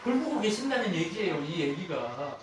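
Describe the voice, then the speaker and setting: A male pastor preaching a sermon, shifting from loud emphatic exclamations to soft asides and asking the congregation questions. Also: high voice, sing-song, moderate pace, heavy reverb, far from the mic, slight background noise. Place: church sanctuary.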